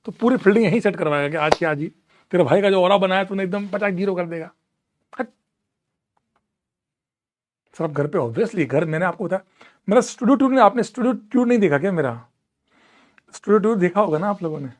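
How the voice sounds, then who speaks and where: A man's voice: high voice, expressive, fairly quick, pauses often. A young man teaching a live online class from a room at home, chatty and teasing as he answers students. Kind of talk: casual live class banter.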